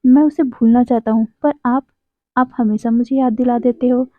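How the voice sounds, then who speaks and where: A woman's voice: fairly high pitch, steady tone, moderate pace, no room sound, lightly acted. A woman reading the lines of a sulky, irritated young man in a storytelling narration, pouting and complaining. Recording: dry, tinny phone-like audio.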